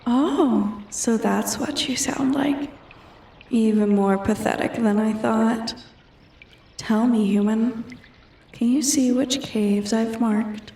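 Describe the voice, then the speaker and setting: A woman voicing a bored, menacing female dragon who taunts a human thief in a slow, imperious, deliberate manner for a roleplay ASMR. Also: on the high side, warm tone, roomy sound, far from the mic. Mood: menacing, taunting. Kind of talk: roleplay ASMR, scripted character acting.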